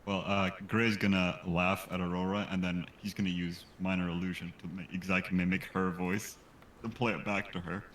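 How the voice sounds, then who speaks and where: A man's voice: low voice, little pitch movement, moderate pace, fairly bright tone. A man playing a tabletop role-playing game, talking casually, often as his character. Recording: roomy echo, faint background noise.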